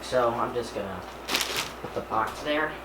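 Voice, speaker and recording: A hobbyist video creator with a medium-pitched voice presents an unboxing casually and without hurry, saying aloud each small step as he handles things. His home camera recording picks up clear background noise.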